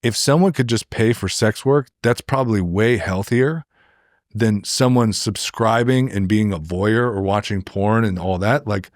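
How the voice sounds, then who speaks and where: Speaking a little slowly in a lowish voice, this American podcast co-host chats casually, wandering through opinions and stories with plenty of filler and acted-out imagined remarks. The sound is clean studio audio without echo.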